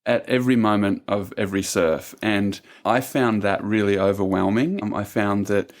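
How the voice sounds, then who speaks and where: Thoughtful low-voiced co-host. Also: male voice, fairly even intonation, normal speed. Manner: thoughtful, searching for words. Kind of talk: casual conversational reply.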